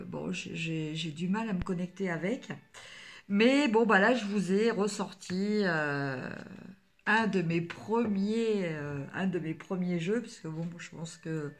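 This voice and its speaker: A woman from France reading tarot cards for her viewers, in a casual, hesitant way, full of fillers and restarts. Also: on the low side. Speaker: tarot card reader.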